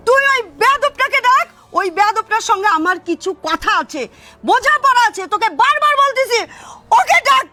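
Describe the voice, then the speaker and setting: Woman acting a proud furious mother, very high voice, bright and cutting, faint music behind. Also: expressive, a little fast, no echo, heavily acted. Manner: shrill, insulting, domineering. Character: proud, furious middle-aged mother scolding her daughter.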